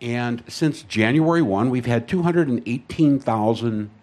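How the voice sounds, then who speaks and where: A man with a mid-pitched voice talks as a guest on stage, eagerly telling stories and figures about his network. His delivery is casual and lively. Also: a little slow. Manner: enthusiastic, storytelling. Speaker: guest, radio network manager. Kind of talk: casual chat before a live audience.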